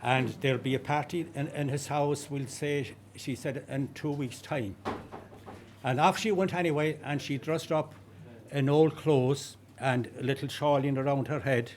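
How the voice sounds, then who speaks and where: A man's voice: medium pitch, fairly even intonation, a little slow, a little mellow, slight background noise. Lilting Connemara Irish storyteller, a man. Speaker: traditional sean-nós singer. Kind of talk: informal oral storytelling before a song.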